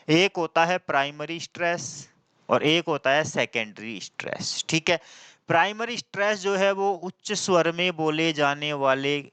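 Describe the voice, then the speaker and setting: A man teaching a classroom lecture. He asks the class questions and answers them himself, repeating key terms and reading out English definitions slowly. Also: on the high side, a bit bright, smooth, no room sound. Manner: mixes in slow, deliberate English definitions.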